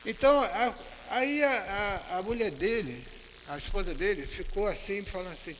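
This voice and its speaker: A man with a Brazilian accent giving a religious talk at a spiritist center, retelling anecdotes and slowing down to stress each teaching. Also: sits high, expressive, fairly bright tone. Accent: Brazilian Portuguese. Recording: hall reverb with faint hiss.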